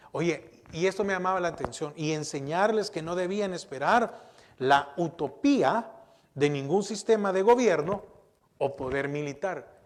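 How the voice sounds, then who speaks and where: A middle-aged man preaching a sermon as pastor, speaking emphatically and asking the congregation questions. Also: a little high. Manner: emphatic, repeats words and restarts.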